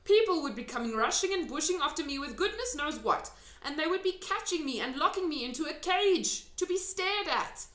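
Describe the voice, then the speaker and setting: A woman's voice: sits high, expressive, a little fast, hardly any pauses, fairly bright tone, voice pushed up. A woman voicing a big, friendly, earnest male giant from a children's storybook, emphatic and drawn out, with muddled grammar. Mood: excited, alarmed. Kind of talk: children's storybook character reading. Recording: echoey room.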